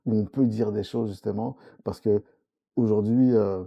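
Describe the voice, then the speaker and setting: Low-voiced, very mellow male guest. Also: steady tone, normal speed, gravelly, breathy edge. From Congo-Brazzaville. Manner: earnest, many restarts and fillers, agrees often. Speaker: comics author, studio guest. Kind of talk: casual interview chat.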